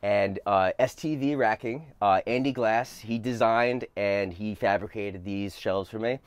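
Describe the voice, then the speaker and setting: A young man from New Jersey, a plumber, casually showing off his work van, relaxed and chatty with many fillers. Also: lowish voice, a little slow, clear, resonant tone, no echo. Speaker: plumber giving a van tour. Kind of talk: casual show-and-tell. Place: inside and beside a work van, outdoors.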